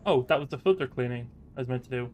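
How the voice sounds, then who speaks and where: A man's voice: medium pitch, racing, a little mellow, slight background noise. A man doing casual let's-play commentary, rambling as he narrates what he does. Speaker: gaming commentator.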